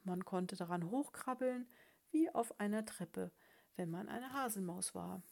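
A woman reading a storybook aloud in a calm, even narration. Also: mid-range voice, unhurried, gravelly.

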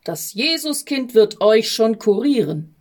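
A woman voicing the Envoy, calm and resolute. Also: fairly high pitch, unhurried. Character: the Envoy, a weary but resolute male traveller. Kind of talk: storybook reading.

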